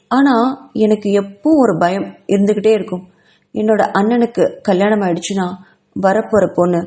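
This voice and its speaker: A woman's voice: medium pitch, a little mellow, natural voice. A woman reads an orphaned young student girl from a spoken storybook, clingy and emotional. She talks in an earnest, pleading, confiding way.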